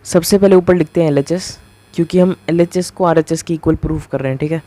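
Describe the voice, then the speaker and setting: A man giving a casual math lecture, talking through each step as he writes and keeps asking the viewer quick rhetorical questions. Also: fairly high pitch, fairly even intonation, warm tone. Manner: talks through each step while writing. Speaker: math teacher.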